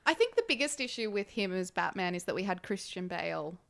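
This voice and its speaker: A woman co-hosting a casual film podcast, bantering playfully and quickly. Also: medium pitch, very animated, vocal fry, a bit bright. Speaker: podcast co-host.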